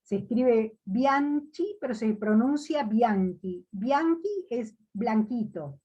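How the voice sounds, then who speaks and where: A woman poet from Uruguay, talking slowly with many pauses and fillers in a video call interview. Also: a little high, animated, dark tone, husky, highs cut off.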